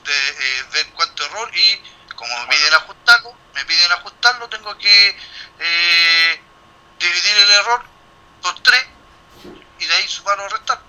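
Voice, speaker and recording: A middle-aged lecturer with a very bright, slightly high voice walks his class through a calculation. He thinks aloud, stumbles and restarts, and throws in questions to the room before he answers them himself. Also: lively intonation, measured pace, smooth, low-quality recording. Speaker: university lecturer. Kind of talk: classroom explanation.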